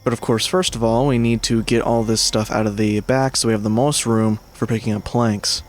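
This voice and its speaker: A man's voice: fairly low pitch, fairly even intonation, moderate pace. A man giving casual let's-play commentary as a gaming creator, rambling and correcting himself, swearing when things go wrong. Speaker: gaming YouTuber.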